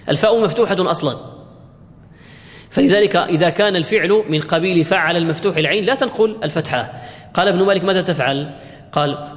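A man teaching grammar in a classroom lecture, explaining step by step, drawing out example words and checking whether the class has understood. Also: fairly high pitch. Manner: drawn-out recitation of example words. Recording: reverberant hall.

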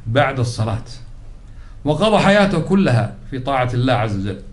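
A man's voice: mid-range voice, very animated, fairly quick. A man teaching a religious lesson, explaining patiently, repeating key words and putting questions to his class. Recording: roomy echoey recording.

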